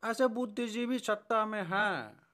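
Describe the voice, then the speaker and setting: A man's voice: high voice, measured pace, bright, forceful tone. A man narrating a social media roundup as voice-over, sarcastic and teasing. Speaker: channel narrator. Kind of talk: mocking voice-over commentary.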